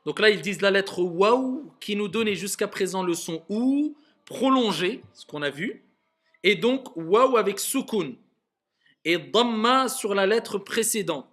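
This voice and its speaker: A man teaching Arabic reading to a class, patiently repeating words slowly and clearly to correct his students. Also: high-pitched, animated, fairly bright tone. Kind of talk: classroom lesson.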